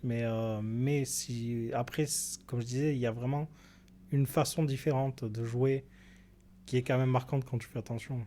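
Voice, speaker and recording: A man's voice: medium pitch, fairly even intonation, moderate pace, warm tone. A man on a podcast panel, giving his opinions bluntly and with emphasis. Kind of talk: casual debate chat.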